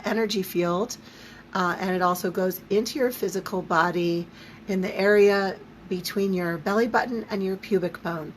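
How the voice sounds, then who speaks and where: A woman speaks in a squeaky voice, strained by an allergy, at a middling pitch. She teaches a live online lesson informally, with down-to-earth, emphatic asides. There is some noise behind her. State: throat and voice affected by allergy. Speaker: spiritual teacher leading a live online series. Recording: noticeable background noise.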